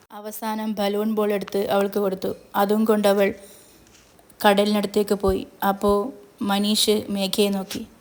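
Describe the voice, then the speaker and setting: A woman narrating a retelling of a TV serial's episode in a steady, even manner. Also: medium pitch. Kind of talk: storytelling recap.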